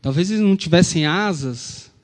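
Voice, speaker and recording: A man's voice: high-pitched, normal speed. A man with a Brazilian Portuguese accent, preaching an Easter sermon as a pastor, retelling the story and asking the congregation rhetorical questions.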